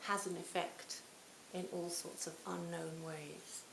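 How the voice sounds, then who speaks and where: A woman in her sixties giving a reflective Buddhist talk to a retreat audience, her phrases often trailing off softly. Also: lowish voice, little pitch movement, slow, gravelly. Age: 60s. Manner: reflective, warm storytelling with soft trailing phrase ends. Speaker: Buddhist teacher. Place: retreat hall. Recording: roomy hall, faint hiss.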